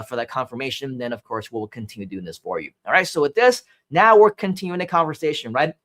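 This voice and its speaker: Hosting a marketing training on a live stream, a thirtysomething Hong Kong man chats with his audience, reads out their messages and keeps asking questions, often tagging on "right?". He has a fairly high, somewhat bright voice.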